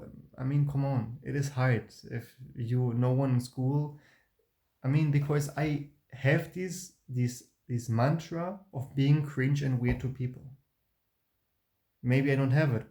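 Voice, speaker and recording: A man's voice: medium pitch, vocal fry, mellow. A young man talking through his past in a rambling, hesitant monologue, restarting often. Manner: rambling and hesitant, with many restarts and broken grammar. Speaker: vlogger. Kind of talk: personal reflective monologue. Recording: roomy echo.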